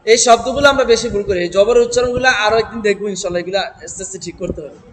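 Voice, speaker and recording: High-voiced Bengali man teaching Quran reading. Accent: Bangladeshi Bengali. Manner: patient, questioning drills, chants examples slowly. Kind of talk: classroom recitation lesson. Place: classroom with students. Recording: noisy room recording.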